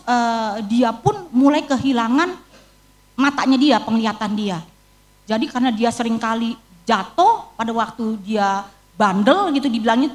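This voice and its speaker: A middle-aged woman evangelist with an Indonesian accent, preaching a sermon and telling her own story with feeling. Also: fairly high pitch. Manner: storytelling, emotional, quotes her own prayers. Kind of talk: sermon with personal testimony.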